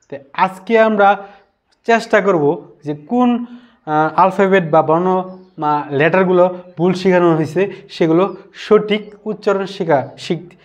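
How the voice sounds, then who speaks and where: A man giving a spoken English lesson, repeating each letter slowly and mixing English phrases into his talk. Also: high voice. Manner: mixes English words into Bengali. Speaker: English teacher.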